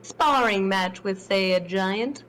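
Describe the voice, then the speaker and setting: A woman's voice: medium pitch, slow, a bit bright, a little hiss or hum. A woman playing a sly female rogue in a tabletop game, coaxing in a conspiratorial tone. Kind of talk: tabletop role-play.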